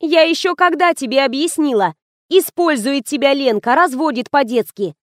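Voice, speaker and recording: A woman's voice: high voice, normal speed, dry recording, studio quality, voice pushed up, close to an everyday voice. A woman putting on a sarcastic, needling woman friend. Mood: scornful. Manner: mocking, needling.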